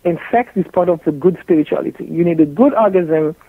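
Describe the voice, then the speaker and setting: Fairly low, husky and fairly quick, this woman's voice belongs to a Haitian gynecologist with a French accent being interviewed on radio. The dry recording has a tinny, phone-line quality, and she's outspoken and joking, repeating things for emphasis.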